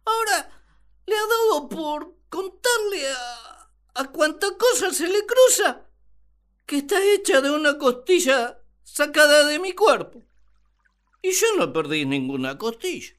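A woman's voice: sits high, very animated, measured pace, fairly bright tone, full character voice. A woman voicing Adam, the first man, grumbling dryly about his companion. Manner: dry, grumbling complaints. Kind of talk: radio drama acting.

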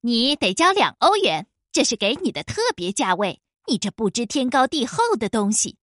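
A woman's voice: high-pitched, animated, a little slow, fairly bright tone, dry recording, studio quality. A woman voicing a mocking, bullying young male wolf who sneers and threatens. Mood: sneering.

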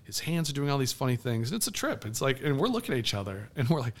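A man's voice: medium pitch, fast talker. A man co-hosting a podcast, telling a wild story in crude casual chat, laughing often and acting out what others said. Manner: animated, laughing often, crude, acts out others' lines loudly. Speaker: podcast co-host.

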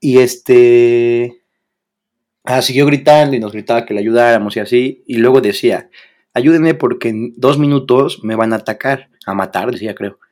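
At a moderate pace and with a mid-range voice, a young man with a Mexican accent shares a story on the podcast he co-hosts. He keeps it casual and animated, leaning on slang and impersonating the people he quotes.

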